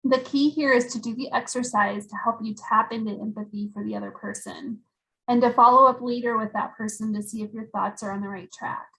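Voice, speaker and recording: A woman giving a scripted workshop presentation with steady, explanatory delivery. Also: a little high, fairly quick, creaky, poor audio.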